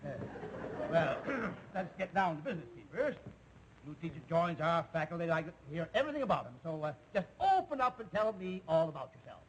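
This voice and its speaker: A chummy middle-aged principal from an old sitcom, hearty but forever distracted by other business. His voice runs high for a man. A faint hiss sits under the old television recording. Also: sing-song, brisk, rough recording. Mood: jovial. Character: jovial, scatterbrained middle-aged male principal. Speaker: school principal. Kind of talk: 1950s live TV sitcom acting.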